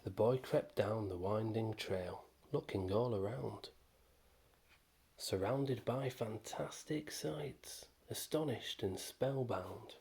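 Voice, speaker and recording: A man reads a rhyming picture book aloud at a very slow, gentle pace. His voice is low and husky, and he keeps a steady rhythm. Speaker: storyteller.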